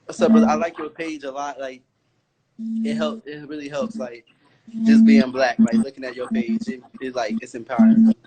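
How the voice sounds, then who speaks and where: A man's voice: mid-range voice, moderate pace, over loud music, low-quality recording. A young man from Florida calling into a livestream, talking in a loose, slangy, rambling way. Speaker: caller on a livestream. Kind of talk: casual chat.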